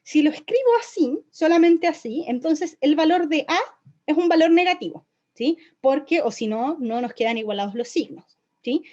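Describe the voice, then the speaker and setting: A young woman lectures on physics with a slightly high voice, explaining each step patiently and checking in with "¿sí?" every few lines. Her recording sounds dull and a bit lo-fi, like a home lesson video. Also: normal speed, a little mellow. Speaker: physics teacher.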